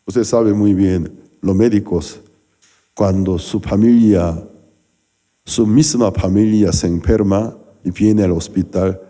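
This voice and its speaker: A man's voice: fairly low pitch, warm tone. A male pastor delivering a sermon, telling stories animatedly with acted-out quotes and sound effects.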